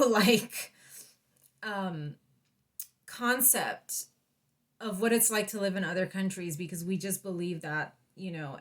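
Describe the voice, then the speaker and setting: A woman's voice: mid-range voice, a bit bright. An American woman vlogger talking in a casual personal monologue, reflective and hesitant as she thinks aloud.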